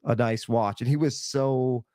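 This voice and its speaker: A man's voice: medium pitch, steady tone, unhurried, mellow, no echo, clean studio sound. A man chatting casually as a guest, easygoing and a bit hesitant, with lots of "like" and restarts. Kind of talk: casual chat.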